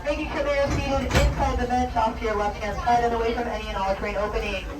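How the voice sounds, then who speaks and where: A train conductor giving steady safety announcements over an outdoor loudspeaker. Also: mid-range voice, quick pace, recorded from a distance, very noisy. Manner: steady instructional delivery. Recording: echoey loudspeaker from afar, loud crowd.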